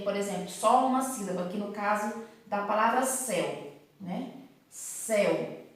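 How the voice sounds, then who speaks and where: A woman teaching a class from the whiteboard, her fairly high voice patient and explanatory. She keeps asking questions and checking that pupils follow. The room rings with heavy echo, and she sounds some distance from the mic. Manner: explanatory, asks rhetorical questions with frequent tag "né".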